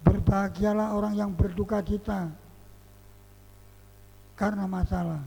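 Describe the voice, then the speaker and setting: A man with a high but dark, mellow voice delivers a sermon, speaking earnestly and bursting into loud emphasis now and then. The sound carries a long hall reverb with a faint hum underneath. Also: steady tone, measured pace, vocal fry, slightly rough. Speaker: pastor. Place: church hall.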